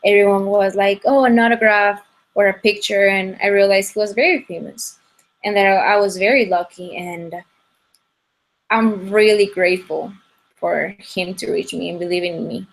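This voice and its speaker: Guest: young woman, English, halting and restarting, over a video call. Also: medium pitch, steady tone. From Ecuador. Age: young adult. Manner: halting, many restarts and fillers. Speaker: guest singer.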